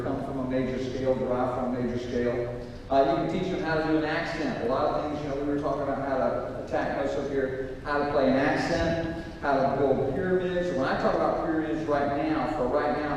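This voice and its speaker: Band clinician, middle-aged man, counts off and coaches; roomy distant sound with audible room noise. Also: mid-range voice. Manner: counts off the band and gives instructions in a lively, coaching way. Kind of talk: conducting a band rehearsal clinic. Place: school band room or hall. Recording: echoey hall picked up from far off.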